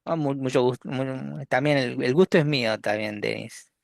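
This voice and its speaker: A man with a Rioplatense Spanish accent teaching a university class over a video call. His voice has a gravelly edge and sounds dry and close. He talks in a relaxed, joking way, restarting phrases and ending them with tag questions. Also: mid-range voice, normal speed, no room sound. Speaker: university lecturer. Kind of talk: online class lecture.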